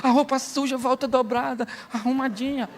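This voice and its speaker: A man's voice: very high voice, steady tone, normal speed, slight background noise. A middle-aged Brazilian man preaching a humorous sermon as a pastor, telling stories and acting out the dialogue. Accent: Brazilian Portuguese. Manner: storytelling, jokes, acts out dialogue.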